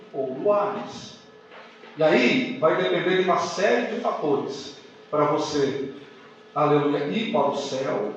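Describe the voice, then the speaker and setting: A pastor preaching a sermon, asking the congregation questions. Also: male voice, a little high, recorded from a distance, a little hiss or hum. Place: church hall. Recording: echoey church heard from afar, dull sound.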